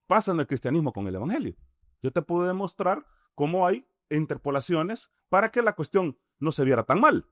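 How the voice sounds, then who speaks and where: A Salvadoran-accented man with a fairly high voice talks through his points in a relaxed, conversational way. He builds each argument step by step, poses rhetorical questions and keeps checking in with a quick "mm?". The sound is close and dry, with no room echo. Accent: Salvadoran Spanish. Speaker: imam, interview guest. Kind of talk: conversational explanation.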